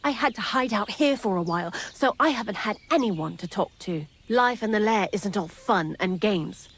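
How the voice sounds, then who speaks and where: In this video game dialogue, a woman with a mid-range, slightly breathy voice plays the miller's thieving accomplice, a young woman in hiding. She speaks at a moderate pace with lively intonation, making the character talkative and sardonic.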